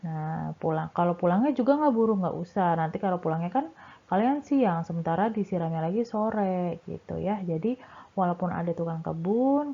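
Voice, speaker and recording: A woman primary school teacher giving a friendly online lesson, explaining step by step to her pupils. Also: lowish voice. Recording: tinny phone-like sound.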